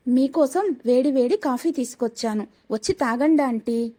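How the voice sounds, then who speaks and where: A woman voicing a patient, polite young daughter-in-law who speaks pleadingly and gently. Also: sits high, normal speed. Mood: gentle.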